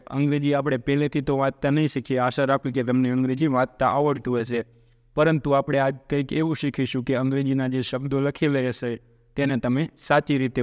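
Man, language teacher, smooth clear voice, long reverb, asks and answers his own questions, drawn-out example words. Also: mid-range voice, a little mellow. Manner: slows down to spell out example words. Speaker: English teacher. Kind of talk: spoken language lesson.

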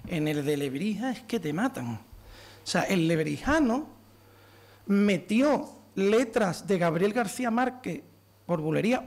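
A man giving a lively lecture to an audience, counting out rhythms and beating time aloud as he explains. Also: high-pitched, vocal fry. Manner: animated, counts out rhythms and taps beats aloud.

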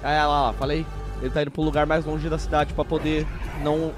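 A Brazilian man hosting a reaction video, chatting casually and bursting into excited exclamations and shouts. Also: a little high, brisk, music in the background.

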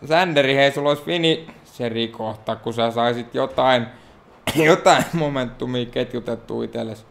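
A man from Finland giving excitable, self-mocking let's play commentary on a wrestling game, talking to the characters on screen. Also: medium pitch, creaky. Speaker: gaming YouTuber.

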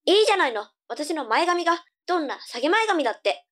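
A woman's voice: sits high, big pitch swings, fast, a bit bright. A woman playing a cheeky young girl, a sassy little sister, with cute anime delivery in a tongue-twister audio drama. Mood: teasing.

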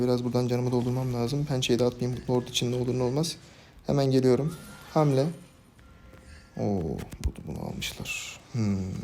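Young male gaming streamer, mid-pitch, casual commentary with heated outbursts, faint game audio behind. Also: slight background noise. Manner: excitable, frustrated outbursts and shouting at teammates. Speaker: gaming YouTuber. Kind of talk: live gameplay commentary.

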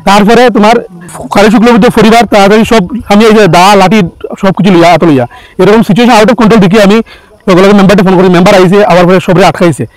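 A man's voice, fairly high for a man, races through an eyewitness account. He stumbles and restarts often, piling filler words together as he rushes on, and the sound is close and dry. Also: dry recording, poor audio. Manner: hurried, with frequent restarts and fillers. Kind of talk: spoken account to camera.

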